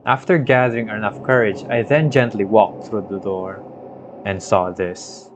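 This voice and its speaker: A fairly low, steady male voice, a little slow, narrates a scripted video game story recap in a storytelling style over a noisy background. His home microphone yields dry, dull, lo-fi audio, scuffed in parts.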